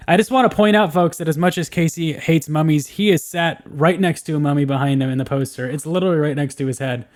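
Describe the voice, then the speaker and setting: Male podcast host, slightly high voice, easygoing and laughing. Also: fast talker, darkish tone. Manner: laughs often, friendly. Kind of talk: casual chat.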